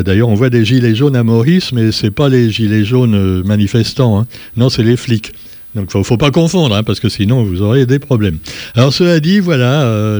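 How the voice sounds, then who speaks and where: A man from Réunion runs through the day's papers in an offhand, joking manner, full of asides. His voice sits at an ordinary middle pitch, and the recording is dry and close with no room sound. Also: a little mellow, dry recording. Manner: chatty and ironic, with asides and jokes. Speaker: press review host. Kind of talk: casual spoken press review.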